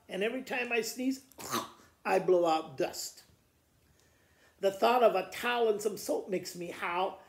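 A gravelly, high-pitched man in his sixties reads children's poems aloud in the manner of a school principal addressing students. He sits by a fireplace in a living room, with the camera a short distance away picking up a roomy indoor echo.

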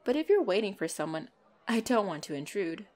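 A roleplay voice performer plays a flirtatious, teasing female vampire in an intimate, one-sided ASMR dialogue. She is playful and giggly with a hungry undertone, slow and coy, sometimes dropping into breathy whispers. Her natural voice is medium-pitched, very animated and a little mellow.

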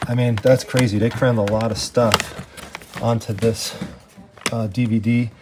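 A man's voice: mid-range voice, steady tone, measured pace, noisy background. A man chatting casually as he walks through an estate sale house, filming by hand and filling his talk with "I mean" and "you know". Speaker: treasure hunting vlogger. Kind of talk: casual handheld walkthrough. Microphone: handheld camera, first-person view.

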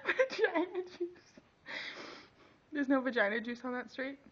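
A woman's voice: high voice, sing-song, slow pace, bright, forceful tone. A young woman in casual, teasing chat, giggly and repeating phrases back. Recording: muffled home video audio.

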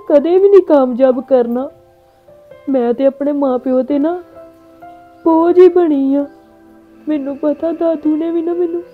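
A woman's voice: high-pitched, narrow, tinny audio. A woman playing a young blind daughter who blames herself as a burden, speaking plaintively. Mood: self-reproaching. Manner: plaintive, self-reproaching. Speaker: actor in a family short film. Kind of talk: melodramatic village drama acting.

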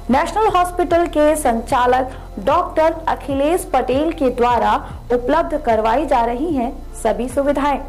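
Woman doing a scripted ad voiceover, high voice, light music under it. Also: poor audio. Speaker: advertisement voice-over. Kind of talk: scripted hospital advertisement narration.

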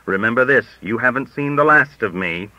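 A man voicing a menacing tall young job-seeker who turns from cold insistence to threatening shouts, in a dull lo-fi audiobook recording. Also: mid-range voice, lively intonation, moderate pace, dry recording. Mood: shouting furious.

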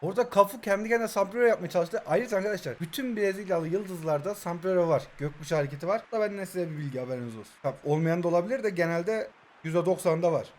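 A young man talks through his mobile football match as he plays it. His voice sits high, and he swings between loud outbursts at his players and quiet muttered asides. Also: fast, slight background noise. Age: 20s. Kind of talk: live gameplay commentary.

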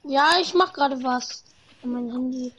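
A woman's voice: sits high, moderate pace, a bit bright, slight background noise. A young woman casually chatting and joking with a friend while livestreaming a console game. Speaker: livestream host. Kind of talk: casual gaming stream chat.

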